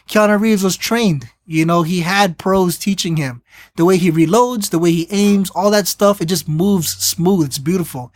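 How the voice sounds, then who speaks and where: A podcast co-host retelling a film with energy, stopping and restarting sentences and dropping into the characters' voices. The recording is dry and close, with no room around it. The pitch sits in the middle. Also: no echo. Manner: animated storyteller, acts out quotes; rambling with restarts. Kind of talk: casual chat, movie recap.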